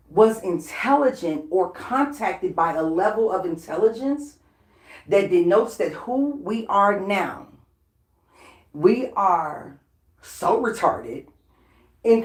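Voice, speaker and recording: A woman's voice: medium pitch, darkish tone. A woman vlogger in a casual, unscripted rant, blunt and profane and laughing between lines. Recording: roomy echoey room.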